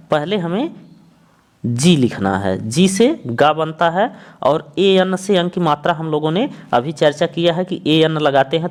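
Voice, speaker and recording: A man teaching a lesson, explaining patiently and repeating each point while he spells out letters slowly. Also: on the high side.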